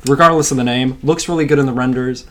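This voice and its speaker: A man's voice: mid-range voice, fairly even intonation, quick pace, a bit bright. A man co-hosting a podcast, chatting casually, rambling from topic to topic and swearing now and then. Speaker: podcast co-host. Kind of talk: casual chat.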